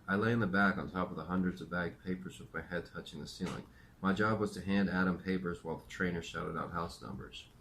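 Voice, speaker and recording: A man's voice: sits low, fairly bright tone, slight background noise. A man reading his own memoir aloud, telling it in a dry, matter-of-fact way.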